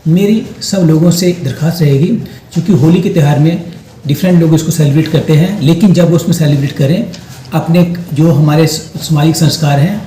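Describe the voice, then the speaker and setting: A police officer gives a firm statement to the press in a mellow, slightly high voice. The sound is roomy, with faint noise behind him. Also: male voice. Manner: firm, warning.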